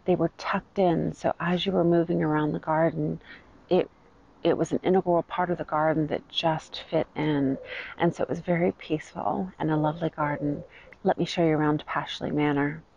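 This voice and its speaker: A woman in her forties on a lapel mic in a sunny garden, chatting casually and relaxed as she leads a garden tour. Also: deep voice, normal speed, creaky, lo-fi sound. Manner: relaxed, chatty, with small restarts. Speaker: garden vlogger. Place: outdoors in a sunny manor garden. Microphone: clip-on lapel mic. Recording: outdoor ambience noise behind her.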